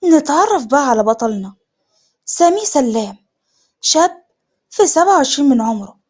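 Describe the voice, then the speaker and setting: امرأة تحكي قصة بلهجة مصرية وبأسلوب حيوي معبّر. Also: female voice, sits high, very animated, fairly quick, a little mellow. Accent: Egyptian. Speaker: storyteller. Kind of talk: story narration.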